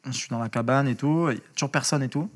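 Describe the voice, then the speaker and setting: Man, interview guest, casual storytelling, slangy, swears a lot, animated restarts. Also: medium pitch, racing.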